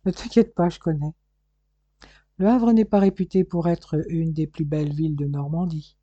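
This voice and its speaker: A gentle French wife, as a male reader puts her on. Her lines come in a dark, mellow and husky tone. The reading is soft and wistful, with the sound of a dry, dull audiobook recording. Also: on the high side, steady tone, moderate pace, no echo, close to an everyday voice. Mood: tender.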